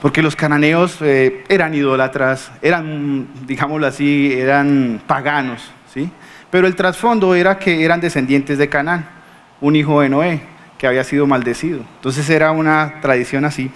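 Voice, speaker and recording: A man preaching a sermon in a Colombian accent, telling stories lively and acting out the people he quotes, often asking the congregation questions. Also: fairly high pitch, normal speed. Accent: Colombian Spanish. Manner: animated storytelling, acting out quoted speakers.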